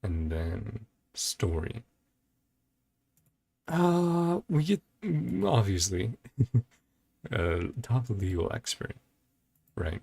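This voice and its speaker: A man hosting a reaction and ranking video gives off-the-cuff commentary in short, broken bits of thought. His fairly low voice is husky and darkish, with vocal fry, and music plays underneath.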